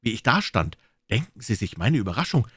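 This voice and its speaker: A man's voice: medium pitch, sing-song, brisk, fairly bright tone, breathy edge, no room sound. A man reading a classic detective story aloud as an audiobook, telling it dramatically in the first person on a close mic. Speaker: audiobook reader.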